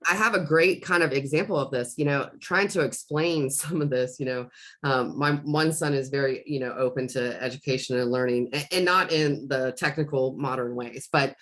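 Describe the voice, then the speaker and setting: Low-voiced woman, rambling coach talk. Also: moderate pace, fairly bright tone. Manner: rambling, with many restarts and fillers. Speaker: life coach. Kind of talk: casual podcast conversation.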